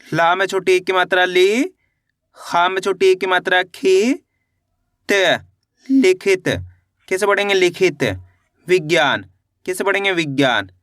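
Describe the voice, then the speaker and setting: A male teacher giving a beginners' reading lesson at an unhurried, deliberate pace. He breaks each word into syllables, then asks how it is read and answers in a lower voice. The sound is dry and close, with no room echo. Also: fairly bright tone.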